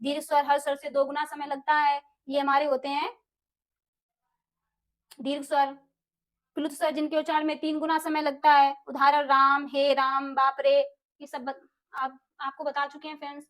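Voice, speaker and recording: A young woman teaching an exam-prep Hindi lesson, asking questions and answering them herself, repeating key terms and sounding out vowels slowly. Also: high voice, level tone. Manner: addresses viewers as friends, asks and answers own questions.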